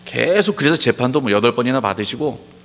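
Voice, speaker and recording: A man preaching a sermon as pastor, pressing his points with emphatic rhetorical questions and slowing down to stress key words. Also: mid-range voice, animated, fairly bright tone. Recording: long hall reverb.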